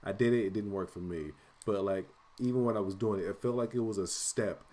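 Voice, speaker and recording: A man's voice: lowish voice, brisk, a little mellow. A man in his late twenties co-hosting a podcast, chatting casually and cursing, rambling with lots of fillers. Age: late 20s. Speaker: podcast co-host. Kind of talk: casual chat.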